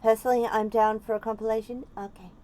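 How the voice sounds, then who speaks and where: A woman with an Australian accent and a fairly high voice talks in a cute anime-streamer manner. She sounds casual and chatty, like someone reacting live for viewers. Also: little pitch movement, quick pace, warm tone. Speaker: VTuber streamer reacting to videos.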